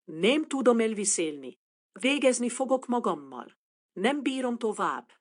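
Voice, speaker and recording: A woman voicing a poor, shy young woman, desperate and faint, who speaks in a soft, hushed, pleading way in a storybook reading. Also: fairly high pitch, big pitch swings. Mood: despairing.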